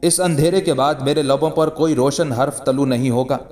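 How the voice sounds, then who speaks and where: A man voicing a calm, mocking ascetic holy man in a read-aloud historical story, with measured, scornful delivery. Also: medium pitch, lightly acted. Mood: defiant.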